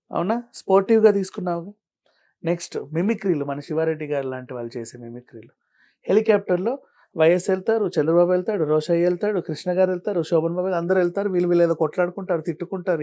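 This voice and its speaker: A man answering as an interview guest, arguing his point with a stream of pointed rhetorical questions and shifting from calm explaining to heated. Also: high-pitched. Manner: argumentative, fires rhetorical questions. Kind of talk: studio interview.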